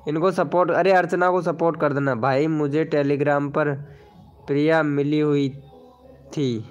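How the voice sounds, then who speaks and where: Steady and a little slow, a fairly high male voice with a Hindi accent hosts a casual live stream, reading viewers' names and comments and promoting channels. The sound is lo-fi, with faint background music.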